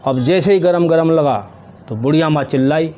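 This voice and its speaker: Man telling village jokes, dark-toned voice. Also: a little high. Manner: storytelling, quick acted quotes of characters. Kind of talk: casual joke telling.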